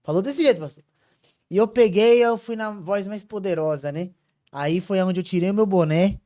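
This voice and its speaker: Homem animado contando testemunho, voz aguda. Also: male voice, high voice, moderate pace, no room sound, clean studio sound. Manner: animated storytelling, acts out voices. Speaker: co-host. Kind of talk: casual testimony chat.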